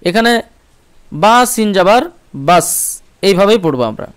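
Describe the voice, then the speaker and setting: A man with a Bengali accent and a high, smooth, clear voice leads a recitation lesson. He repeats each syllable slowly and patiently. He keeps checking in with a short "okay" before moving on. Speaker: Quran reading teacher.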